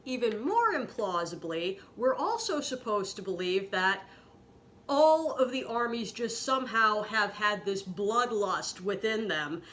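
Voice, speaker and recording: Bright-voiced woman in an angry rant. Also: animated, measured pace. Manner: heated, sarcastic, swearing, pitch swings up when outraged. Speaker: podcast host ranting about a TV episode.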